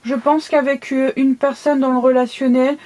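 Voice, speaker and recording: A woman's voice: high-pitched, flat delivery, normal speed, a little mellow. A woman with a lisp from new dental braces, giving a casual, conversational tarot reading and often checking that the listener follows. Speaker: tarot card reader.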